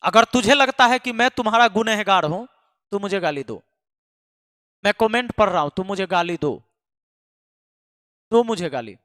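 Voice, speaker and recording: Emphatic high-voiced man scolding students. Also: animated, normal speed, long pauses, fairly bright tone, no room sound, clean studio sound, in a large hall. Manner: emphatic and scolding, repeating lines for force. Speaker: online exam-prep math teacher. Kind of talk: impassioned address to students.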